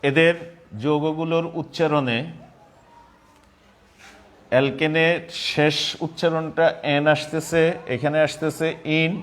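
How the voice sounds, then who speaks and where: A man teaching a chemistry class, repeating terms slowly and spelling out formulas step by step. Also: a little high, level tone. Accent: Bangladeshi Bengali. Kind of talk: classroom lecture.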